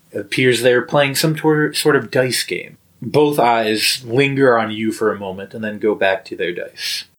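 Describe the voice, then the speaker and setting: A man running a tabletop game, laying out scenes in a measured, descriptive voice. His pitch sits in the middle of a man's range. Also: a bit bright. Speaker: game master.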